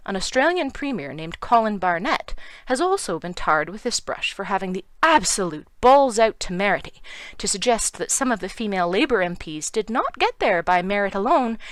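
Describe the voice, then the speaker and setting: Sarcastic Canadian woman, lively delivery. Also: medium pitch, dry recording. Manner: sarcastic, emphatic. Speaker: commentary video host. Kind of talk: scripted opinion monologue.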